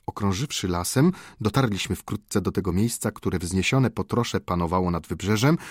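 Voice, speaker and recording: A man reading an adventure novel aloud as an audiobook narrator, in a measured, dramatic storytelling manner. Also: fairly low pitch, breathy edge, no echo, clean studio sound.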